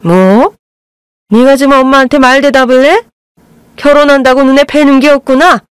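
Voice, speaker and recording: A woman's voice: sits high, moderate pace, no echo, pitched above the performer's own voice, close to an everyday voice. A woman voicing a harsh, snobbish middle-aged mother-in-law who scolds and sneers. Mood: scolding.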